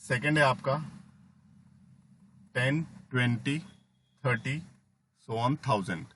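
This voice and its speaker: A man teaching math in a classroom lecture, often asking "है ना?" to check understanding and gently teasing students. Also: mid-range voice, takes it slowly, slight background noise. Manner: coaxing, asks "है ना?" and "ठीक है?" after each step; playful teasing of students, calls them बेटा. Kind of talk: classroom lecture mixing Hindi and English.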